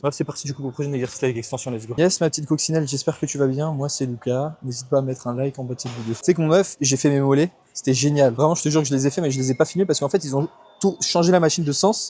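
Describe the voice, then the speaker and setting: A man's voice: fairly high pitch, dark tone. A young man in his twenties, a fitness coach vlogging casually from the gym, joking and teasing himself while talking straight to the viewer. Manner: joking, self-mocking, talks straight to viewer. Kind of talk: casual gym vlog talk.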